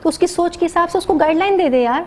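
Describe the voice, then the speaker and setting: A middle-aged woman with a Pakistani accent, an educationist speaking as a guest on a morning show, earnest and animated, mixing English words into her talk. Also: very high voice.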